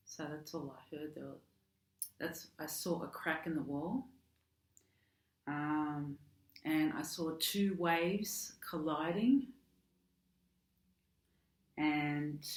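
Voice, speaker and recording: A woman with an Australian accent giving a casual monthly tarot reading, hesitant, with frequent ums and restarts. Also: sits low. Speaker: tarot card reader. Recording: echoey room.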